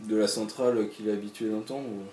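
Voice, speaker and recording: A man playing in a tabletop game, talking in a hesitant, low-key way. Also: fairly even intonation, quick pace, warm tone, slight background noise. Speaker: player. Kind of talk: tabletop role-play. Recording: roomy echo, faint music.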